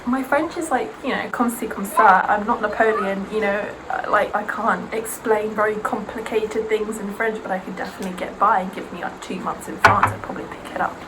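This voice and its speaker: Heavy background noise surrounds this mid-range voice as she talks a little fast with hardly any pauses. She's a young Serbian-first-language vlogger getting ready, sarcastic and animated, frequently doing impressions of aunties and others.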